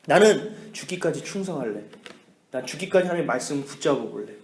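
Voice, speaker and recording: A man's voice: a little high, expressive, quick pace, gravelly, roomy sound. A man acting out a stubborn faithful villager who refuses to follow the crowd and speaks in a pleading but firm way. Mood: resolute.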